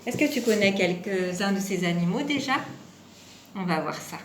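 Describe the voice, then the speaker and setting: With a medium pitch and animated delivery at a moderate pace, a kindergarten teacher runs a home lesson for small children, patiently sounding out syllables and numbers one by one. Echo and faint background noise fill the room.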